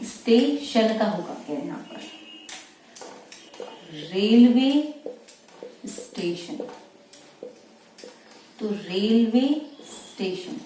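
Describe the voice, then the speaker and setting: A woman teaching shorthand, slowly and patiently explaining each word. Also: medium pitch, mellow. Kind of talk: slow dictation-style shorthand lesson. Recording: echoey room, mic far off, faint noise.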